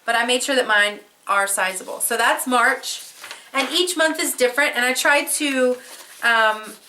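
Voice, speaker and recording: Poor audio with a little hiss or hum carries a woman's high-ish, pushed and bright voice, unhurried in pace. Hosting a casual show-and-tell craft vlog with a head cold and fading voice, she shows her work in a chatty, slightly rambling way, with fillers, restarts, candor and casual swearing.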